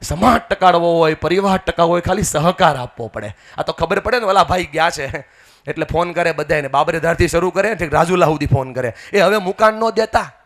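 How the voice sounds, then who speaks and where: A man gives a folksy, rousing stage speech at a community wedding and leads the crowd in loud chants. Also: on the high side, a little fast. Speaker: guest speaker at a community mass wedding.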